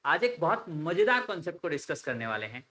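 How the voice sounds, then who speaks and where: Male English teacher, drills each word again and again, crisp bright voice. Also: on the high side, very animated. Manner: repeats words slowly in drills. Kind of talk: pronunciation lesson.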